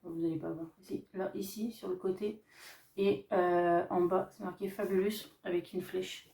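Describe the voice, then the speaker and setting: A woman vlogger casually showing off her craft shopping haul, chatty and hesitant, often pausing on fillers as she describes each item. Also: on the low side, fairly even intonation, creaky, warm tone, distant mic. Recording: echoey room, voice off-mic.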